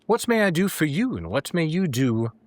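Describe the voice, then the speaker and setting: A man voicing a magical scholarly young gentleman in a door, formal, courteous and smug, in tabletop role-play. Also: on the high side, sing-song, moderate pace, dry recording, pitched above the performer's own voice. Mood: courteous, expectant.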